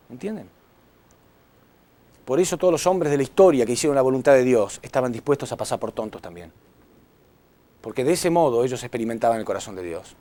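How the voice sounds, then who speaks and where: A man preaching a sermon to a congregation, impassioned, swinging between loud appeals and hushed words, often asking the audience questions. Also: on the high side. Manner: addresses audience with rhetorical questions.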